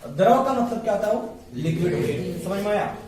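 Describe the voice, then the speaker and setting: A man's voice: high-pitched, animated, brisk, darkish tone. A male teacher giving a classroom science lesson, firing repeated questions at the students and answering them himself in a call-and-response drill. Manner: calls students "babu" affectionately. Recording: echoey room, voice far from mic, background noise.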